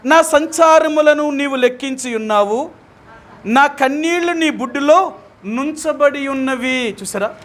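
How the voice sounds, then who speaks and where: A man's voice: very high-pitched, a little slow, a bit bright. A man with a Telugu accent leading a Bible study as pastor, who keeps putting questions to his listeners and speaks with emphasis.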